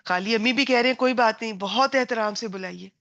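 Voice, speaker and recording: A woman's voice: a little high, a bit bright, lo-fi sound. A woman giving an Islamic lecture to women, earnest and advising, now and then acting out scolding voices. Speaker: religious lecturer.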